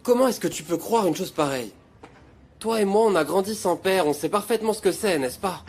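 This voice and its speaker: A man's voice: high voice, animated, fairly quick, a little mellow. An actor dubbing a jailed man who protests his innocence to an old friend in a telenovela. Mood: pleading.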